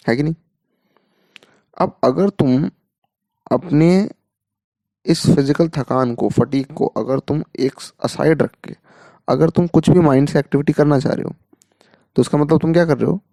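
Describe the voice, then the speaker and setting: Man giving a mellow, dry motivational talk. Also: a little high, gravelly, no room sound. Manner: explains with rhetorical questions, Hindi mixed with English terms. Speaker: mentor to exam students.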